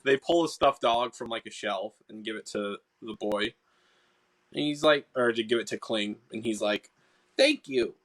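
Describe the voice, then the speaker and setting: A man's voice: lowish voice, normal speed, a bit bright. A man casually narrating as game master of a tabletop game, with lots of filler words. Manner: casual, filler-heavy, laughs often.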